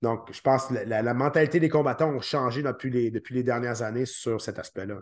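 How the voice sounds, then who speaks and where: A man with a Québécois French accent speaks as a guest on a podcast. He talks haltingly and often restarts his words as he recounts things. His voice sits in a middle pitch for a man. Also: fairly even intonation. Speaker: guest, former fighter. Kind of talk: podcast interview.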